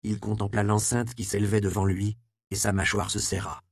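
A man narrating a historical novel in a steady, measured reading. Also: lowish voice, creaky, no room sound, clean studio sound. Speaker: audiobook narrator. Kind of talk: scripted narration.

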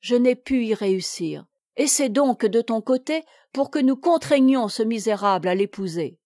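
A woman voicing a gentle young mistress of the house who speaks softly and soothingly in a read-aloud novel. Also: fairly high pitch, animated, normal speed, no echo, studio quality, natural voice. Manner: soft, hushed and soothing.

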